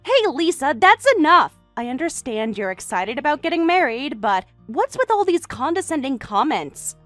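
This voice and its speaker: Composed older sister in her late thirties, woman actor, calm and firm, close dry read, text-story drama. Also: high voice, normal speed, no echo, soft background music. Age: late 30s. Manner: calm, reasoning, firm when pushed. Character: composed older sister, single, near forty. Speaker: character in a voiced text story. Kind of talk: voice acting for a text-message story.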